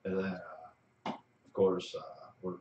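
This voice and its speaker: A man co-hosting a podcast in casual chat, telling favourite scenes with animated delivery and sudden shouted quotes. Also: slow pace, dull audio. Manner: animated storyteller, bursts into high shouted character quotes. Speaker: podcast co-host. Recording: roomy, distant sound.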